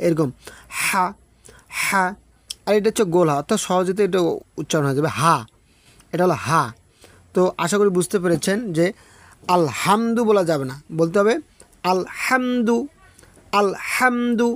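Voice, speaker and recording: Man teaching Quran recitation, higher voice. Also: no echo. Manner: explains step by step, checks in with "okay?"; chants Arabic verses slowly and drawn out. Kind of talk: online class lesson.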